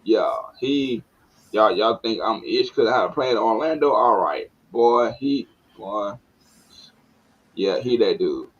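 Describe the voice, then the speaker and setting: A man with a Southern American accent hosting a casual sports chat, excitable and slangy, often laughing. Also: on the low side, slow pace, dull audio. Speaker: sports talk show host.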